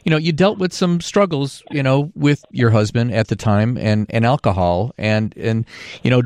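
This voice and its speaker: A man's voice: mid-range voice, normal speed, darkish tone, no echo. A man hosting a radio interview in an easygoing way, with many fillers. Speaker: radio host.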